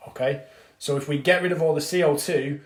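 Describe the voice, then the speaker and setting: Chatty fitness coach, echoey room. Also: male voice, fairly high pitch, steady tone, brisk. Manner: chatty, reads out viewer comments, swears casually. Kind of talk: casual live-stream masterclass.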